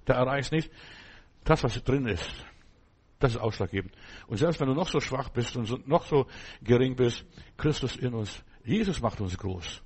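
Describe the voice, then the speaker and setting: A male pastor preaching a sermon, animated, swinging between loud bursts and low asides. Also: breathy edge.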